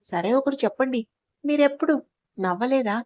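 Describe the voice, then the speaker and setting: A gentle young wife speaks in a soft, teasing way, as a woman reads her. The voice is fairly high, quiet and close, on a dry recording. It fits a storybook audio tale. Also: lively intonation, normal speed, no room sound.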